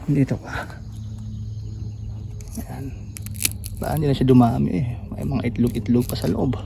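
Gravelly-voiced man touring his garden. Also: medium pitch, a little fast, noisy background. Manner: relaxed, pointing things out with many fillers. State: slightly out of breath after jogging. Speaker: gardening vlogger. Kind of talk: casual walk-through garden tour. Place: outdoor backyard vegetable garden.

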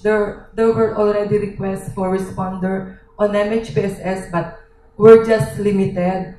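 A woman with a Filipino accent speaking at a workshop discussion into a handheld microphone, listing points with frequent pauses. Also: medium pitch, dark tone, a little hiss or hum. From Philippines. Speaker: workshop participant. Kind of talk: question and answer discussion. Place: hotel conference room. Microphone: handheld microphone through room speakers. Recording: echoey hall from far off.

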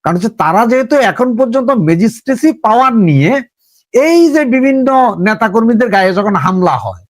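A high-pitched man with a Bangladeshi Bengali accent runs through political commentary in a loose, conversational way. He speaks straight to his audience and leans on rhetorical questions. The sound is dry and close. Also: animated, quick pace, no room sound. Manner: conversational, addresses listener directly with rhetorical questions.

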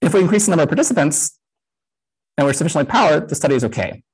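Gravelly-voiced man giving a live coding talk. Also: fairly high pitch, big pitch swings, very fast, darkish tone, rough recording. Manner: casual, many "um" fillers. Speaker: conference speaker. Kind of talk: live-coded conference talk. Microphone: headset.

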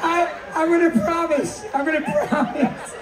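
A Scottish man, a cruise director, hosting a couples' game show for a live audience, teasing contestants, laughing and shouting punchlines. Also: very high-pitched, steady tone, unhurried. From Scotland. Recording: echoey hall, distant mic, crowd noise.

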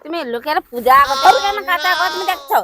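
A woman with a rural Medinipur Bengali accent playing a village sister-in-law in a comedy sketch, challenging and quick with her retorts. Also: sits high, animated, pushed and bright, a little hiss or hum.

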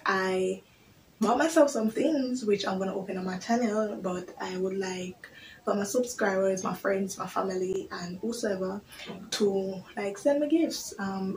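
A woman's voice: medium pitch, darkish tone, slight background noise, poor audio. A woman, chatting candidly to camera in a small bedroom, rambling from one update to the next. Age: 20s. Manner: chatty, candid and rambling, with creole-flavored grammar. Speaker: vlogger. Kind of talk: casual chat to camera. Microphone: device camera on a desk.

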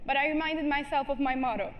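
Teenage girl, from Turkey, earnest stage talk, slightly high voice, faint room noise. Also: fast talker, dull audio. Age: teens. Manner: earnest, with small restarts and apologies. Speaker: student speaker. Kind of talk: prepared conference talk. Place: large stage before a seated audience. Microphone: headset mic.

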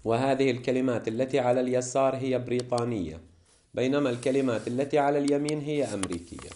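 A man's voice: mid-range voice, dark tone, slight background noise. Man teaching English word lists. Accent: Levantine Arabic. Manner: slow, deliberate reading of word lists. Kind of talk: classroom lesson explanation.

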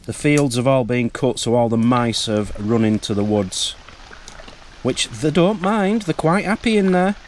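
A middle-aged man narrating a wildlife camera vlog outdoors in a wood, in a chatty, easily excited way. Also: mid-range voice, unhurried, a little hiss or hum. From United Kingdom. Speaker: wildlife vlogger. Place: woodland outdoors.

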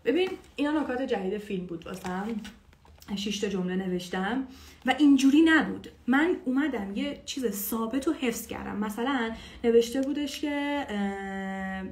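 A woman with a Persian accent teaching English, explaining in Persian and repeating English phrases slowly and carefully. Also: on the high side, a little mellow. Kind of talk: teaching English through song lyrics.

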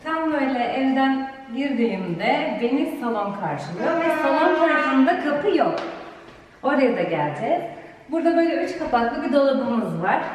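A woman vlogger chatting excitedly to viewers as she tours an empty new apartment, her voice ringing with a strong room echo. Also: high voice, normal speed. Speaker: vlogger and mother. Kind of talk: casual home-tour vlog talking to viewers. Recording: roomy echo from far off, with noise.

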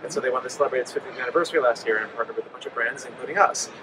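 Speaking very fast in a mid-range voice, a male company rep in his forties walks through products with plenty of ums. The interview takes place in a bustling indoor convention hall, with trade show noise and a handheld mic held by the interviewer.

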